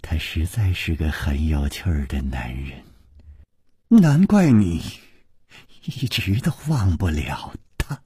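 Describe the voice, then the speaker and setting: A man's voice: fairly high pitch, wildly swooping pitch, slow, long pauses, no room sound, exaggerated voice. A man putting on a coy, teasing young woman. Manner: coy, purring, slips into breathy whispers. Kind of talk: audiobook character voice.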